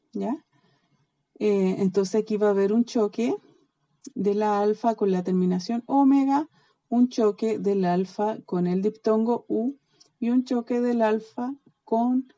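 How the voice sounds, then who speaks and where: Slow, dark-voiced Chilean woman teaching. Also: fairly high pitch, dry recording, rough recording. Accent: Chilean Spanish. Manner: slow, careful drilling of word endings with frequent checking "¿ya?". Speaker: biblical Greek teacher. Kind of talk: recorded online lesson.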